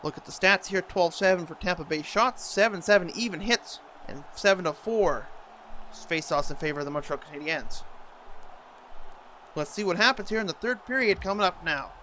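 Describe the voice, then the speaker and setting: A man's voice: high-pitched, animated, moderate pace, pushed and bright, slight background noise. A man doing hockey play-by-play commentary in an imitation of a TV sports announcer.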